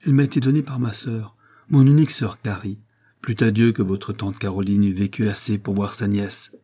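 A man's voice: on the low side, fairly even intonation, slightly rough. Man reading as a sorrowful older mother. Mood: grave gentle. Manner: soft, grave, measured.

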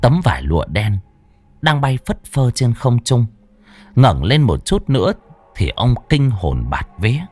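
A man's voice: mid-range voice, big pitch swings, a little slow, a little mellow. A man narrating a ghost story in a dramatic, scripted way. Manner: dramatic, swooping storytelling delivery. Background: faint background music.

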